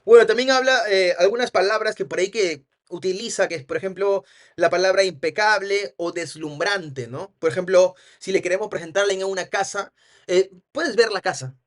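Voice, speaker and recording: A man's voice: high voice, brisk. A man teaching a sales course, explaining a book in a casual way. He often ends points with a tag question and acts out quoted dialogue in a livelier voice. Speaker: NLP trainer. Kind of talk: commenting on a book for students.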